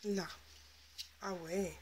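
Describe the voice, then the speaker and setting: A woman's voice: fairly low pitch, fairly even intonation, extremely slow, darkish tone, breathy edge. A woman hosting a casual scrapbooking video, chatting and thinking aloud as she works, sometimes dropping into half-whispers. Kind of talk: casual crafting tutorial chat.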